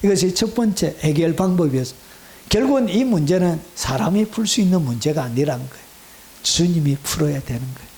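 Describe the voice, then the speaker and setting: Male pastor, middle-aged, high-pitched, animated sermon delivery with sudden hushed asides. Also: fairly quick. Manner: animated, swings between loud exclamations and hushed asides.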